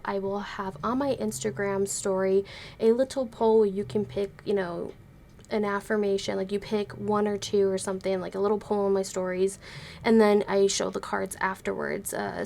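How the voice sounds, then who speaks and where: A woman talks through a tarot reading at an easy, careful pace, sparing a voice that is slightly hoarse from being sick. Her pitch sits in the middle and her tone stays gentle. A faint hiss of noise runs under her voice. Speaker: tarot reader.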